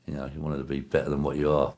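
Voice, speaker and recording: A man's voice: a bass voice, level tone, rapid-fire, darkish tone. A man giving a blunt, matter-of-fact interview about his past. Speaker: interviewee, former player. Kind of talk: candid interview recollection.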